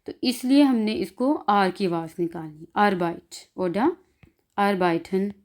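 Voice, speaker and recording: A woman with a Pakistani Urdu accent teaching an online class, speaking slowly and drawing out and repeating each example sound. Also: medium pitch, lively intonation, a little mellow. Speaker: language teacher. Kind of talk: online class explaining pronunciation.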